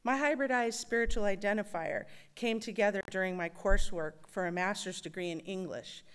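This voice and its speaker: Smooth-voiced woman giving a church reflection. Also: mid-range voice, fairly bright tone. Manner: thoughtful, measured, with wry humor. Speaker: worship associate. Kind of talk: personal reflection in a church service. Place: church sanctuary.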